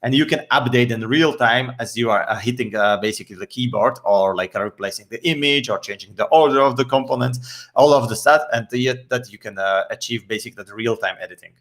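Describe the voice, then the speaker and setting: A developer appearing as a guest explains a tool's code step by step in a casual technical talk. His medium-pitched, slightly bright voice moves fairly quickly, and he is patient but a bit hesitant, with many fillers.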